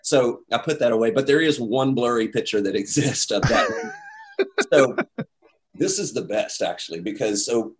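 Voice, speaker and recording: A man at an ordinary pitch telling a story in relaxed, casual talk. He is animated and acts out what people said, with lots of fillers along the way. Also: moderate pace, background noise.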